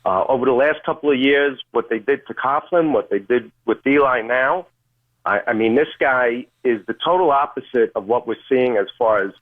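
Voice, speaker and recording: Radio caller dude on a tinny phone line, slow halting talk. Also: male voice, mid-range voice. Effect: phone call on radio. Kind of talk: call-in radio.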